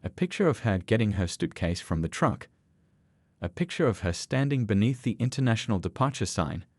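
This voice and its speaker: A man narrating a scripted story in an expressive storytelling manner. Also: on the low side, brisk, no room sound.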